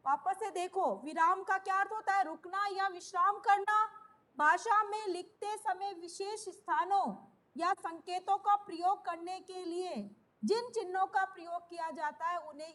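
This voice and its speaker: A woman teaching a class, speaking slowly, repeating key phrases and quizzing her students. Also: very high-pitched, a bit bright. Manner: slow, repeats key phrases and asks questions. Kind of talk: classroom lesson.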